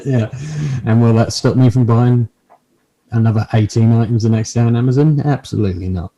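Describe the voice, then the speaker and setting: A man's voice: mid-range voice, fairly even intonation, brisk, warm tone, low-quality recording. A man chatting casually as a podcast host, with dry, self-deprecating, sweary humour. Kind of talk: casual comic chat.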